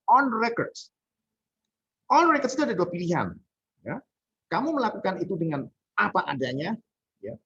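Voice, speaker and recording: A middle-aged man giving a university lecture, his husky voice rising and falling in lively swings as he acts out example lines. He mixes English phrases into his explanations. The recording sounds dull and lo-fi. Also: medium pitch. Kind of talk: university lecture on politeness strategies.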